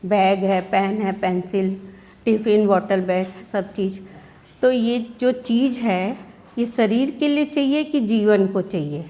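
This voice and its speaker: Her voice sits in the middle range and comes out slow and mellow. An Indian schoolteacher at a workshop, she walks through her method with children, posing questions, performing their replies, and often adding "है ना?".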